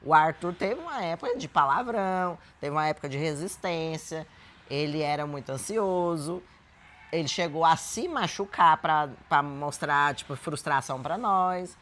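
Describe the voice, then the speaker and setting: A Brazilian woman with a fairly low voice talks in an earnest, explanatory way as a co-host. Her intonation is very lively, rising and falling through each sentence. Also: moderate pace. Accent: Brazilian Portuguese. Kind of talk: reflective advice talk.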